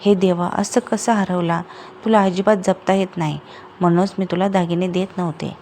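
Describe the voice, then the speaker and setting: A woman's voice: on the low side, fairly even intonation, normal speed, darkish tone, a little hiss or hum, close to an everyday voice. A woman storyteller voicing a stern older mother-in-law who scolds and accuses. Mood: scolding.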